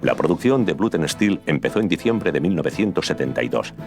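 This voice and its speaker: Very deep-voiced male documentary narrator. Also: sing-song, brisk. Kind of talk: scripted narration. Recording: music bed under the voice.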